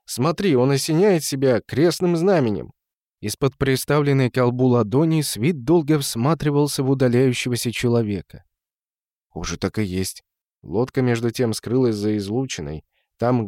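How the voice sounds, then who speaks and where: A man narrating a story as an audiobook reader, in a measured storytelling manner. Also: medium pitch, darkish tone, no room sound, studio quality. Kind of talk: audiobook reading.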